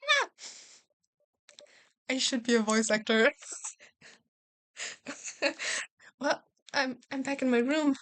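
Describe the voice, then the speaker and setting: Higher-voiced woman reading a game aloud. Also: measured pace, pauses often, fairly bright tone. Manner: casual, joking, swears and laughs at herself. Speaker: gamer playing a visual novel.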